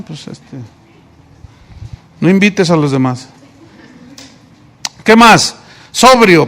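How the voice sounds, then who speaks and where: Mexican male pastor, high voice, preaching and quizzing his congregation. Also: fairly bright tone. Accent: Mexican Spanish. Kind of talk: sermon.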